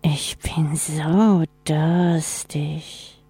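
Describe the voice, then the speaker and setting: A woman's voice: low-pitched, fairly even intonation, very slow, mellow, slightly rough, no echo, soft background music, full character voice. A woman voicing a cruel, hungry night creature with a cold, gloating whisper.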